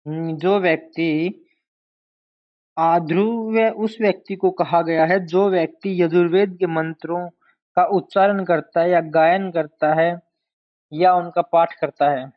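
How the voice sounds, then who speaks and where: A man teaching an exam-prep history lesson, speaking slowly and deliberately and repeating key terms to drill them in. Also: a little high, fairly even intonation. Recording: dull lo-fi sound.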